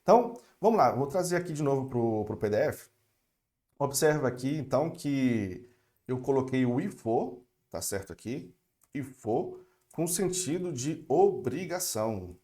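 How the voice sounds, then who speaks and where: A young Brazilian man teaching French online, patient and repetitive, slowing down to model phrases and checking in with his students. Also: medium pitch, mellow. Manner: patient, repeats phrases slowly, checks in with "tá certo?". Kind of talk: online language lesson.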